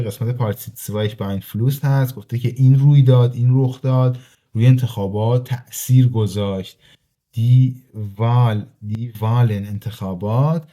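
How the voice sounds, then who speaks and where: A man teaching a language grammar lesson, reading example sentences slowly and then explaining them quickly to his students in a casual way. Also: mid-range voice, dark tone. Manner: addresses listeners informally as "kids". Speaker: German teacher.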